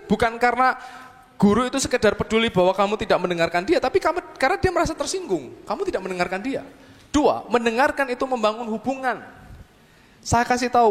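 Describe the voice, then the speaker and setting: A man giving a lively motivational talk to young people, who keeps asking the audience whether they agree. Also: extremely high pitch. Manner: acts out short dialogues in other voices. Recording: long hall reverb.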